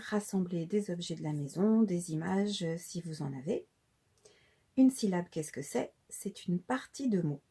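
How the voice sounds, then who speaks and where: Preschool teacher, woman, slow and deliberate, husky mellow voice. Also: fairly low pitch. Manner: slow and deliberate, spelling out syllables. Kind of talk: slow instructional explanation for parents.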